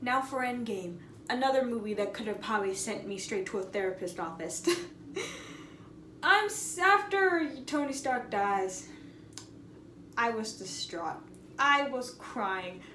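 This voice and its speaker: Telling a casual vlog story at a measured pace with long pauses, this young woman has a high voice and an expressive, slangy style built on dramatic emphasis and repeated phrases. She is a storytime host recording in an echoey room with some background noise.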